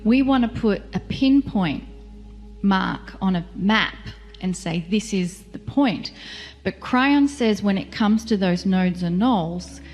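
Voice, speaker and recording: A woman co-host explaining in a measured way. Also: mid-range voice, expressive, a little mellow. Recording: reverberant room with faint music.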